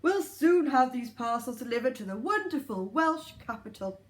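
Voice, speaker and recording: A woman's voice: high-pitched, big pitch swings, normal speed, slight background noise. A woman voicing jolly, chubby old Santa Claus in a hearty, exclaiming manner for a children's story.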